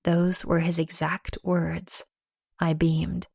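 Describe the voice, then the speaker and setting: A woman narrating a first-person romance audiobook, playful and lively with acted dialogue. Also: lowish voice, slow pace, creaky, breathy edge, no echo, studio quality.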